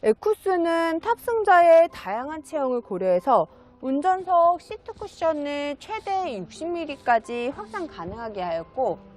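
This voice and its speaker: A woman with a high, lively voice delivers a scripted used-car sales pitch. Her phrasing is polished, polite and promotional, rising and falling freely, with music playing behind her. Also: measured pace, slight background noise. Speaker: used car dealer presenting a car for sale.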